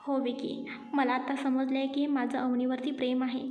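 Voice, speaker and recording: Woman reading earnest young husband, soft-spoken, high voice, echoey room. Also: little pitch movement, moderate pace, close to an everyday voice. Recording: echoey room with faint music.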